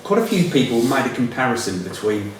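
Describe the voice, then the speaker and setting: A man putting casual podcast questions, halting as he searches for words. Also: medium pitch, big pitch swings. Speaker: interviewer. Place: reverberant indoor room. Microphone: distant from the speakers. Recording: very echoey room, distant mic, faint noise.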